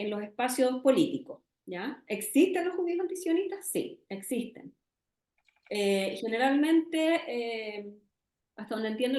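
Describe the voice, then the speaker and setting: A woman's voice: fairly high pitch, darkish tone, roomy sound. A Chilean woman with a Chilean Spanish accent, earnestly explaining as an interview guest, often checking with tag questions.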